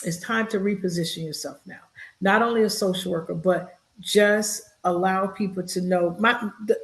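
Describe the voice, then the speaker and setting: A woman's voice: fairly low pitch, fairly even intonation, normal speed. Earnest woman guest, heartfelt and repetitive. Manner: earnest, repeats words, emotional. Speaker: podcast guest, social worker. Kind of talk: heartfelt interview talk.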